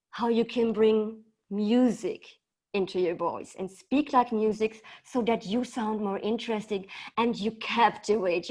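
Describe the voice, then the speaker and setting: Over a video call, a female voice coach and speaker delivers an interactive online talk. She uses pitch and volume changes for effect, and her English carries a slightly non-native quality.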